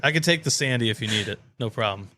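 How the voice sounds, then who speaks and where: A man's voice: medium pitch, lively intonation, pushed and bright, no echo. Male co-host, wisecracking banter, everyday voice. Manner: teasing, quick with jokes. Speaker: podcast co-host. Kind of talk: casual chat.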